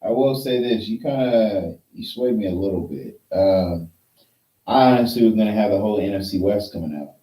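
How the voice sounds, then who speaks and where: Laid back and thinking out loud, a podcast co-host with a lowish, mellow voice lists his football picks at a normal pace in casual sports chat. The mic sits at a distance, giving a roomy echo.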